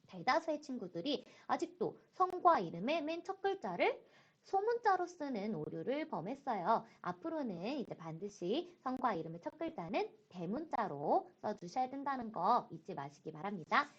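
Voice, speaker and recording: A woman with a fairly high voice teaches a high school Chinese lesson, her pitch swinging widely as she stresses key points. She slows right down to model phrases. The recording is dull and lo-fi. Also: slightly rough. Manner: slow, careful model pronunciation of Chinese phrases; lively, rising emphasis on key points. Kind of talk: online class lecture.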